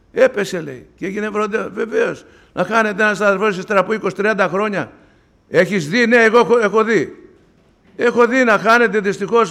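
A man preaching a sermon who swings between hushed and loud, using emphatic rhetorical questions. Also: medium pitch, creaky. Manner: rhetorical questions, acts out quoted voices.

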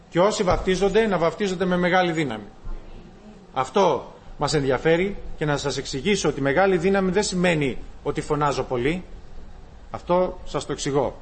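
A man preaches a sermon. His delivery is animated, and he calls his listeners brothers. He swings between loud bursts and quiet asides. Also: fairly high pitch, a little hiss or hum. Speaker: pastor.

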